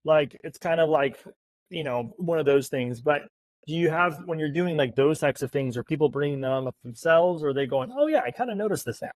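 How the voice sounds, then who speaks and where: A man's voice: fairly high pitch, normal speed, dry recording. A male podcast host asking questions in a casual, rambling way, restarting as he goes.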